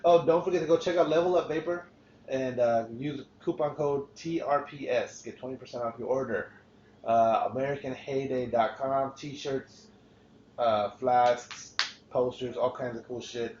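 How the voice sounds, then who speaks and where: A man's voice: medium pitch, fairly even intonation, normal speed, a little mellow, a little hiss or hum. A man hosting a casual podcast chat, rambling and swearing freely with frequent restarts. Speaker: podcast host. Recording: roomy, dull lo-fi podcast recording.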